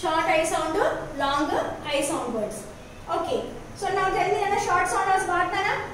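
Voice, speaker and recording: A woman teacher with an Indian English accent, patiently leading a phonics lesson for young children and repeating each word slowly. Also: very high-pitched, a bit bright. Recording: echoey room, voice from far off, faint noise.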